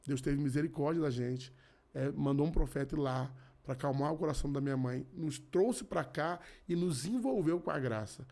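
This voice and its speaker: A man's voice: on the high side, normal speed, darkish tone. Earnest man telling his faith story. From Rio de Janeiro. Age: 30s. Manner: earnest, repeats phrases, many restarts. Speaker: podcast guest, gospel musician. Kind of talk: casual testimony.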